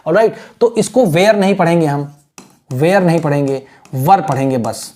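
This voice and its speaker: A man's voice: a little high, expressive, a little fast, darkish tone. A man teaching a textbook lesson, patiently explaining word by word and mixing in English.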